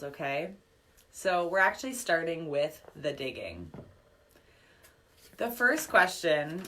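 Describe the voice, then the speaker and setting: Low-voiced woman coach hosting a live online workshop, chatty and upbeat, lots of ums, voice a bit worn. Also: a bit bright. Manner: chatty, upbeat, filler-heavy, reading chat comments aloud. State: slightly losing her voice. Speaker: business coach and podcast host.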